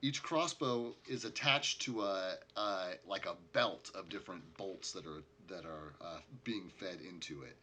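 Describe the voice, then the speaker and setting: A man narrating a tabletop game as game master, casual and halting as he improvises. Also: deep voice, pushed and bright, a little hiss or hum.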